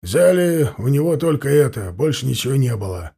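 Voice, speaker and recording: A blustering, hot-tempered peasant robber from an audiobook, as a male reader puts him on, his gravelly voice lurching up and down as he protests. the timbre stays husky and dark even when he shouts back. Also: mid-range voice, normal speed, heavily acted. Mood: confessing. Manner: blustering, indignant.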